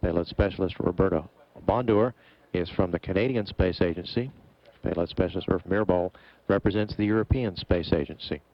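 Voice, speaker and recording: A man with a very low voice and plenty of fry gives mission commentary. He explains things in a formal, measured way. The sound is a little dull and muffled. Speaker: mission operations public affairs commentator. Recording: dull, muffled broadcast feed.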